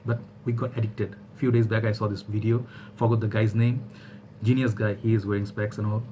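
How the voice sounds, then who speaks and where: A bit of hiss or hum runs under the mid-range voice of this man in his thirties from Bangladesh. A vlogger, he speaks to his webcam from a small room at home in a casual, rambling opinion monologue, gesturing animatedly and peppering it with fillers and restarts.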